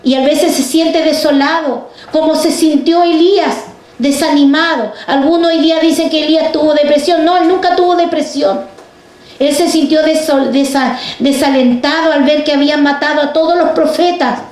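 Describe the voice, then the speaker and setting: A woman's voice: high voice, fairly even intonation, normal speed, darkish tone, roomy sound. A woman preaching a fervent sermon, speaking straight to the congregation and asking them rhetorical questions. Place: church.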